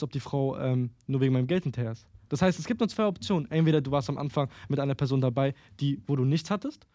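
Young guy hosting a chat, talks super fast, jumps in a lot, dry mic. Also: on the high side, darkish tone, no echo. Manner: quick, pushes questions, interrupts. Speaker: podcast host. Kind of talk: casual chat.

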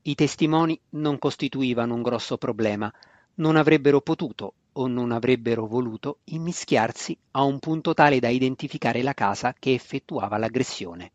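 Male audiobook narrator, steady measured reading, dead dry sound, a bit muffled. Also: mid-range voice, dry recording. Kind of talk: scripted narration of a fantasy novel. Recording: dry, slightly dull lo-fi recording.

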